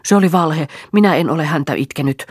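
A woman's voice: rumbling low, big pitch swings, creaky, breathy edge, dry recording, studio quality, exaggerated voice. A woman reading an audiobook, voicing a proud, desperate young mother who snaps back defiantly. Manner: sharp, defiant retorts.

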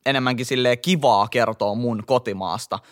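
A young man from Helsinki, speaking in an easy middle register. He co-hosts a casual podcast chat, full of slang and fillers, and tells his stories with lively energy. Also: medium pitch. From Finland. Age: young adult. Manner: slangy, animated storytelling with laughs and many fillers. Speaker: podcast co-host.

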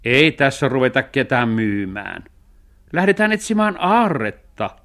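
A man's voice: mid-range voice, animated, a bit bright, pitched above the performer's own voice. A man voicing a level-headed young boy in a children's radio story, speaking in a decisive, sensible way. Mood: deciding.

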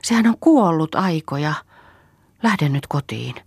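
A woman's voice: sits low, expressive, darkish tone, slightly rough, no echo, studio quality, pitched above the performer's own voice, full character voice. A woman reading an audiobook, voicing a frightened young woman who pleads with her sister in a trembling voice. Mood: pleading.

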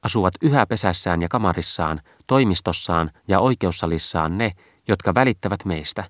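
A man's voice: low-pitched, lively intonation, fairly bright tone, dry recording. Man doing three maiden sisters, lamenting, mournful, chanting, dry recording. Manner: wailing, mournful.

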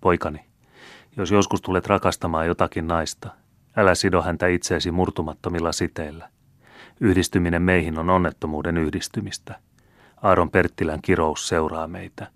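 A man's voice: sits low, flat delivery, a bit bright, no echo. A man voicing an aging proud general who speaks to his son in a grave, impassioned way, read as an audiobook character. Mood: tender.

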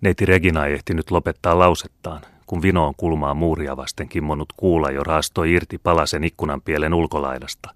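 Very deep-voiced male audiobook reader. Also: steady tone, few pauses, no echo, studio quality. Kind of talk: scripted narration of a classic novel.

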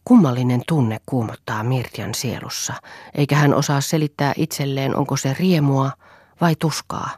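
A woman reading a literary novel aloud in a measured, calm way. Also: extremely low pitch, breathy edge, dry recording, clean studio sound. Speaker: audiobook reader. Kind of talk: literary audiobook narration.

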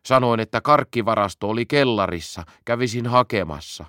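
A man calmly reading a children's story aloud as audiobook narration. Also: mid-range voice, dry recording, clean studio sound. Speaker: audiobook reader.

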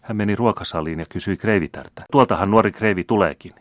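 A man's voice: lowish voice, no room sound, clean studio sound, voice pushed up, close to an everyday voice. Man doing a flustered, servile valet. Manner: astonished, servile. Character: nervous, deferential male valet.

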